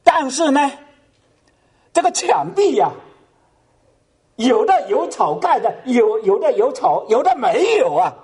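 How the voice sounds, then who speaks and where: Husky guy preaching, slow and dramatic, lots of exclaiming. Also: extremely high pitch, sing-song, darkish tone. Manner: dramatic, exclamatory storytelling with many "wa"s. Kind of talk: sermon storytelling.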